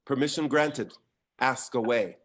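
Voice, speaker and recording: An actor playing a calculating Greek commander, curt and matter-of-fact. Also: male voice, medium pitch, measured pace, a bit bright. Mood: cold businesslike. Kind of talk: stage play reading.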